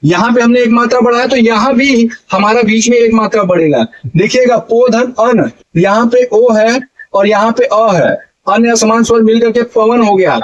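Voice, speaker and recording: A man's voice: extremely high pitch, moderate pace, lo-fi sound. A man teaching an online exam-prep lesson, asking his viewers questions and answering them himself, drawing out the key syllables. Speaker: Hindi teacher.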